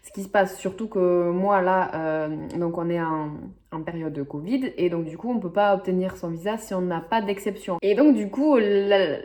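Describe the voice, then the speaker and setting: A woman's voice: fairly low pitch, normal speed, a little mellow. A young woman from the French Basque Country telling a story to camera in a chatty, rambling way, full of fillers and asides. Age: young adult. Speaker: vlogger. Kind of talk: casual storytelling vlog.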